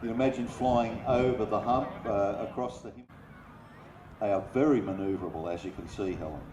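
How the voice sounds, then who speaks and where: Guy doing airshow commentary on old planes, far off on echoey speakers outside, measured and factual. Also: fairly low pitch, dull audio, crowd noise. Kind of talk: live airshow commentary on aircraft history. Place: outdoor air festival over loudspeakers. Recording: echoey distant PA, loud engine noise. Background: aircraft and vehicle noise, outdoor ambience.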